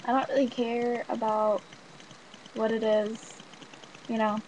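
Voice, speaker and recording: A woman's voice: a little high, little pitch movement, slow, a little mellow, slight background noise, poor audio. A young pregnant woman talking casually on a vlog, rambling with fillers and nervous little laughs. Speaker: vlogger. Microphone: webcam or built-in mic.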